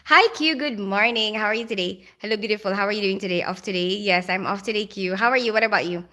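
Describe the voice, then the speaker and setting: Bright-voiced Filipino-accented woman streamer. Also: mid-range voice, fast. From Philippines. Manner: chatty, laughs often, speaks straight to viewers. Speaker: live streamer. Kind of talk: casual live-stream chat reading viewer comments.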